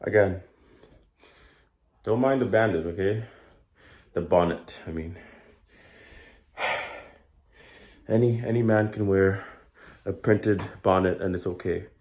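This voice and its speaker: A young man with a fairly low voice talks casually through his push-up workout. He sounds somewhat winded from the effort, recorded on a phone in a small, echoey bare room. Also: slow pace, pauses often, darkish tone. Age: young adult. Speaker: fitness challenge vlogger. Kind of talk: casual self-talk vlog. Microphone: phone camera, at arm's length or propped nearby.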